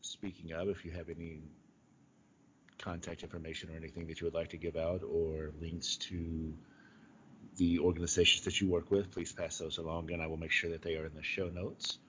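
A man hosting a podcast, speaking in a polite, somewhat formal and measured way. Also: sits low, flat delivery, a bit bright. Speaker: podcast host. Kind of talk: conversational interview hosting. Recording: dull lo-fi audio, clear background noise.

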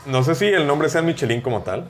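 A man's voice: fairly high pitch, lively intonation, fairly quick, faint music behind. A young man with a Mexican Spanish accent, chatting casually, chiming in with questions and jokes, full of slang. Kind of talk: casual chat.

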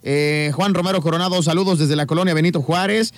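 A man's voice: fairly high pitch, fairly even intonation, fast, no room sound. A man with a Mexican accent co-hosting a casual livestream, reading viewer comments aloud and joking in slang. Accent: Mexican Spanish.

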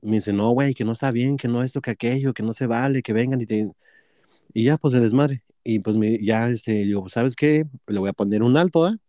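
A man's voice: mid-range voice, fairly quick, dark tone, dry recording, clean studio sound. A man with a Mexican accent telling a workplace story in casual chat, profane and gossipy, acting out both sides of a quarrel.

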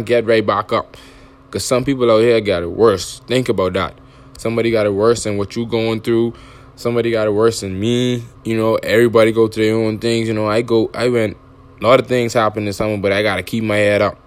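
A man with a fairly low, smooth and resonant voice talks straight to his podcast listeners. He repeats his rallying points again and again, stumbling and restarting as he exhorts them to keep going. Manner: repetitive and exhorting, with frequent restarts. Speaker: podcast host. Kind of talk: motivational podcast monologue.

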